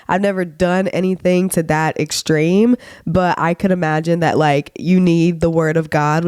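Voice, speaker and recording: A woman hosting her own podcast, sick and a bit hoarse, chatting in a casual, encouraging way with lots of "like" and "okay?". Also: low-pitched, dark tone, dry recording, studio quality. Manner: chatty, many "like"s and "okay?" check-ins to listeners; faith-minded encouraging talk. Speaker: podcast host. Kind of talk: casual solo podcast chat. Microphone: podcast microphone.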